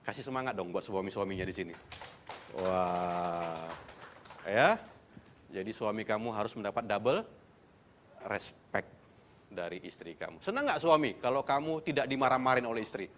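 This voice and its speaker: A man preaching a sermon at a church service, animated, acting out quoted speakers and rising into high, loud exhortation. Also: moderate pace, long pauses, a little hiss or hum. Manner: animated preaching, climbs to high-pitched loud exhortation, mixes English words; acts out imagined speakers in quoted lines. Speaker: pastor.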